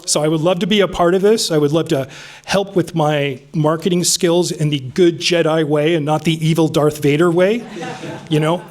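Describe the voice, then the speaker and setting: A man's voice: fairly high pitch, darkish tone. A man in his fifties from Vancouver, giving an unscripted, earnest campaign speech to a room with frequent ums. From Vancouver, Canada. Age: 50s. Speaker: city council candidate. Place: meeting room with an audience.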